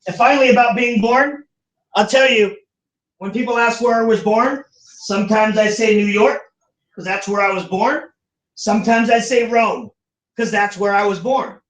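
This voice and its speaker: High-voiced male teacher, distant echoey room. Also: moderate pace. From United States. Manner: animated, acts out quoted voices. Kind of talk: classroom lecture. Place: classroom. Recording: echoey classroom from far off.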